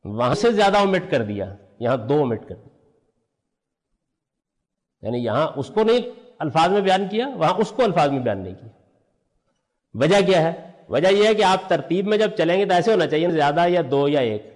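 A man's voice: a little high, sing-song, long pauses, darkish tone, big-room sound. An older man teaching a religious lesson, explaining step by step and answering his own questions. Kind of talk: lecture on Quranic language.

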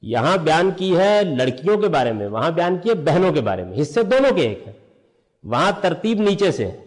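An older man with a fairly high voice and wide pitch swings gives a lecture on Quranic language, with a long reverb tail on the recording. He teaches the religious lesson step by step, posing questions and answering them himself.

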